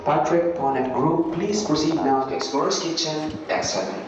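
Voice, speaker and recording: Guy on the ship intercom making a formal announcement, slow and measured, super echoey and far off. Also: fairly high pitch, over music. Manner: slow, measured and repeated phrasing. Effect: over a ship's public address loudspeaker. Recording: echoey, dull loudspeaker heard from far off.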